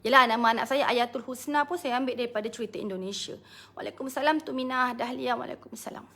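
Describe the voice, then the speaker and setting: A woman's voice: a little high, quick pace, fairly bright tone, slight background noise. A Malaysian woman business coach chatting casually on a live stream, greeting viewers by name and laughing often.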